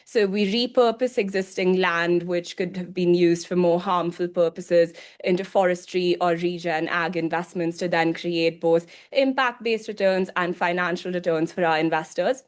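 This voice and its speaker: A woman's voice: fairly low pitch, normal speed, hardly any pauses. A woman introducing a session to an audience in a meeting room, businesslike, with ums and small restarts. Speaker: session co-host. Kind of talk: presentation introduction.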